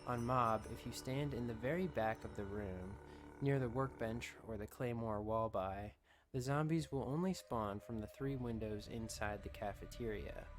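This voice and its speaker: A man's voice: lowish voice, moderate pace, music in the background. A man reading scripted documentary-style narration as the narrator of a video.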